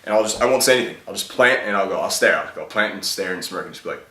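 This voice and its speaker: A man's voice: sits low, racing, bright, forceful tone. A young man giving casual dating advice in a laid-back, chatty way, peppering his talk with "like" and "okay?". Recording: echoey room, mic at a distance.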